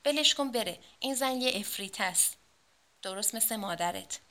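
A woman voicing a gruff, evasive older male painting teacher who scolds in a hushed voice, in a read-aloud story. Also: medium pitch, animated.

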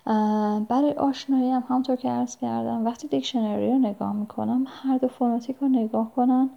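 A woman sharing advice as a language learner, speaking hesitantly with many pauses and fillers, in politely formal phrasing. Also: on the high side, fairly even intonation, vocal fry, mellow. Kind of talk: casual spoken advice. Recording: dull lo-fi recording.

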